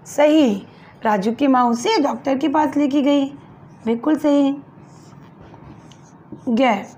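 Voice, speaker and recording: A woman school teacher patiently takes young pupils through a lesson, spelling words out syllable by syllable and answering the questions she asks. Her voice is high-pitched and a little mellow, and the recording has its highs cut off.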